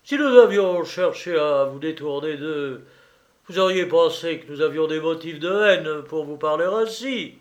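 A man voicing a blustering, flattering old retired army colonel in a read-aloud novel, talking loud and emphatic. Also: on the high side, a little slow.

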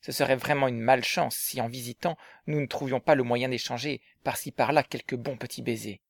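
A man voicing Riquet, an eager, affectionate young man in love, in a dramatized story reading, often hushed and conspiratorial. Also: medium pitch, steady tone, fairly quick, creaky, lightly acted.

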